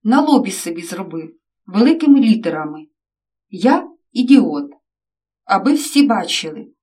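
A woman reading out the lines of an angry middle-aged father who scolds his son loudly, voiced a little raised. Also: medium pitch, big pitch swings, normal speed, distant mic. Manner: loud, scolding.

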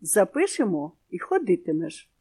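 A woman's voice: on the low side, sing-song, moderate pace, warm tone, slightly rough, heavily acted. Strict father hare, firm and decisive, read by a woman. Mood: stern.

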